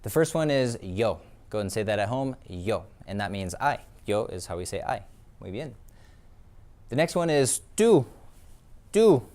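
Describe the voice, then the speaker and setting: A man's voice: medium pitch, darkish tone. A man teaching Spanish pronouns in a lesson video, explaining patiently with many ums and uhs. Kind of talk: classroom lesson.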